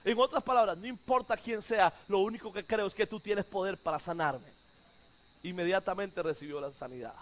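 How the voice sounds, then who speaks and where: A male pastor preaching a sermon, who swings from shouts to hushed quotes and has the congregation repeat his words. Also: high-pitched, a little fast.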